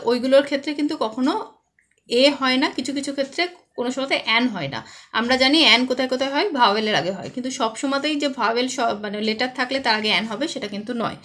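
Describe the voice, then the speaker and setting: High-voiced patient Bengali woman teacher. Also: a bit bright. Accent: West Bengal Bengali. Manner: patient, asks and answers her own questions. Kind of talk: explaining a children's English lesson.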